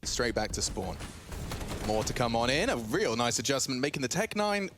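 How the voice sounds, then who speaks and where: A man's voice: medium pitch, very animated, normal speed. A man commentating a live esports match as a play-by-play caster, with a dramatic delivery. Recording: clear game gunfire and clicking noise behind. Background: game gunfire and clicks.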